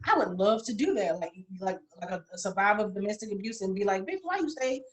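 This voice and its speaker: A woman's voice: medium pitch, fast. A young adult woman co-hosting a podcast, talking bluntly and emphatically with frequent swearing in casual chat. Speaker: podcast co-host.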